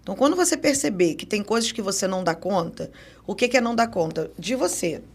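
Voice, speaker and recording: A woman in her forties from Brazil, a podcast guest telling her story in a casual, animated interview. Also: mid-range voice, quick pace. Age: 40s. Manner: animated, acts out remembered dialogue. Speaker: podcast guest, psychoanalysis educator.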